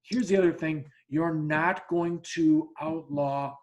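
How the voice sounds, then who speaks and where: A fairly high, steady, darkish male voice speaks slowly, with the high frequencies cut off in the recording. As a podcast host in a casual chat, he tells a story bluntly and profanely, restarting repeatedly and performing both sides of quoted speech.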